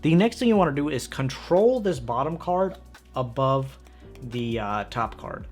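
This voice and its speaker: A man's voice: mid-range voice, expressive, measured pace, faint music behind. A man presenting a magic tutorial in casual, upbeat card magician patter, speaking straight to the viewer.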